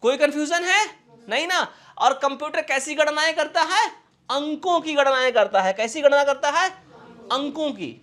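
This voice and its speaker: A man's voice: extremely high pitch, bright, forceful tone. A man teaching a computer course, explaining in a playful, folksy way and constantly asking his students whether anything is unclear. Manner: keeps checking for understanding with quick rhetorical questions. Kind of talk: classroom-style video lesson.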